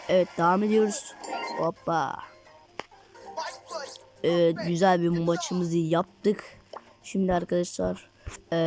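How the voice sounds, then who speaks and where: A woman giving casual gameplay commentary, getting excitable and cursing at her teammates. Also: on the low side. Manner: excitable, rants and curses at teammates. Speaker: gaming channel host.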